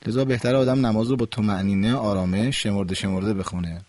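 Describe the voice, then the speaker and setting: A man's voice: on the low side, dry recording. Patient male radio recitation teacher, dry studio sound. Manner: patient, gently correcting pronunciation. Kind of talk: call-in radio lesson.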